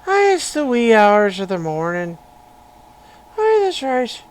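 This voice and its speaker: Someone putting on a booming Irish announcer. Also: big pitch swings, takes it slowly. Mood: boisterous. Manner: loud, bouncy, showy. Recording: noisy room with hum.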